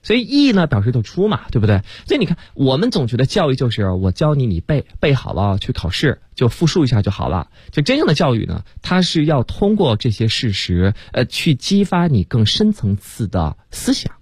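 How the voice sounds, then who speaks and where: A man's voice: mid-range voice, very animated, fairly quick, hardly any pauses, darkish tone, breathy edge, dry recording, studio quality. A man teaching English words on a radio program, explaining patiently and often turning to listeners with questions. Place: radio studio.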